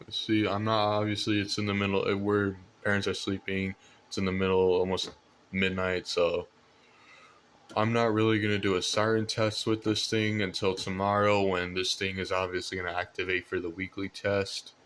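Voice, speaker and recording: With a low, level, slightly bright voice at normal speed and slight background noise, a young man presents his weather radios at home at night. His show-and-tell vlog is casual, hesitant and rambling, full of repeated phrases.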